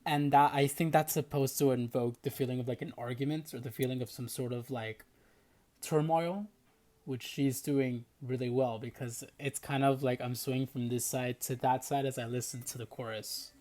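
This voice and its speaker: A man talking through an album in a home-style reaction video, with a mid-pitched, everyday voice. He is chatty and enthusiastic, and his sentences keep circling back on themselves with "like" and small restarts. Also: moderate pace. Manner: chatty, full of "like" fillers, lively and enthusiastic. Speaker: music reaction reviewer. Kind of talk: casual album reaction commentary.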